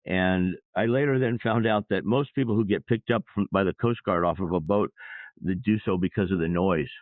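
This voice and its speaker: A man as an interview guest, a sailor and public speaker, telling his story in a reflective, measured way. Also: deep voice, dry recording. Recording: dry, phone-like line.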